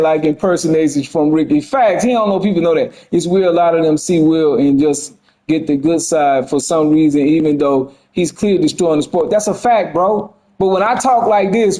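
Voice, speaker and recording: Fired-up, high-voiced male gaming ranter. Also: warm tone, rough recording. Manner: profane, fired up, says he has a temper. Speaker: gaming commentator. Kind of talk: heated ranting commentary.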